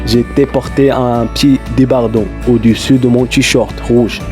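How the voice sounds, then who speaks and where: With music playing underneath, this Darija-speaking Moroccan man tells vlog stories for his YouTube channel in loose, second-language French, leaning heavily on fillers. He talks a bit slowly, his medium-pitched voice keeping a steady tone.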